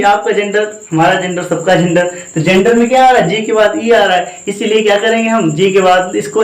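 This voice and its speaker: Guy teaching a class, high voice, keeps asking then answering himself. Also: roomy sound, rough recording. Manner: repetitive quizzing questions, answering himself. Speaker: English teacher. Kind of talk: classroom lesson.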